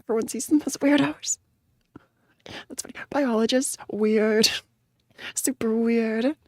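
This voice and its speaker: Cute, high-voiced anime-streamer woman. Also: measured pace, dry recording, clean studio sound. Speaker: VTuber streamer reacting to a video. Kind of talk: casual reaction stream chat.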